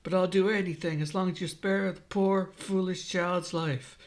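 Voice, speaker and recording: A man voicing an older village mayor, pleading, shaky, high-pitched, audio story. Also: fairly even intonation, normal speed.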